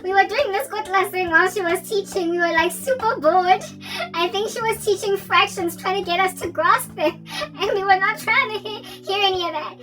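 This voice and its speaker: A South African woman in her forties, telling a story in an animated way and laughing often as she talks. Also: extremely high pitch, brisk, far from the mic, music in the background. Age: 40s. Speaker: vlogger. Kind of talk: casual storytelling.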